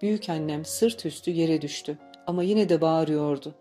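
Mellow woman narrating an audiobook. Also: low-pitched, normal speed, faint music behind. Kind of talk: scripted narration.

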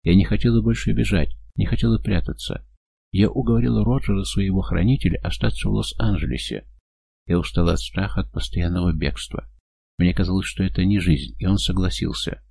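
A man's voice: deep voice, brisk, creaky, a little mellow, husky, no echo, full character voice. A man voicing a frightened, tearful young woman who pleads and sobs with a breaking voice. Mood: confessing.

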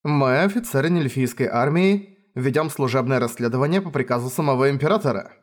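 A man's voice: mid-range voice, animated, fairly quick, close to an everyday voice. A man voicing a stern young woman officer who speaks in a cold, clipped way. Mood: cool.

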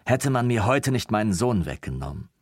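A man puts on an enraged immigrant father in an audiobook, his voice climbing higher than the narration and turning loud. He shouts threats at his brother-in-law with bitter fury. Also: big pitch swings, a little fast, no echo, clean studio sound.

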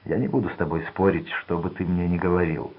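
A man voicing a desperate, terrified male crook who pleads and shouts in a trembling voice. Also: low-pitched, flat delivery, fast talker, slightly rough, highs cut off. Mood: panicked pleading.

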